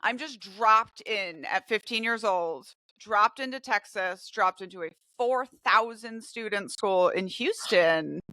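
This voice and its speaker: A woman who grew up in Brazil and Mexico hosts a casual podcast conversation, talking candidly and animatedly. Her voice is bright and forward, and the room sounds dry and close. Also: mid-range voice, slow pace, few pauses, no room sound. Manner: candid, animated personal storytelling. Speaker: podcast host. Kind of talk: casual chat.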